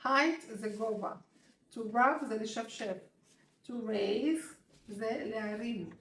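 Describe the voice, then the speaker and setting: A woman, a Hebrew speaker, teaching English vocabulary and reading a story aloud in a brisk, word-by-word way. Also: fairly high pitch, a bit bright. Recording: roomy, distant mic, faint noise.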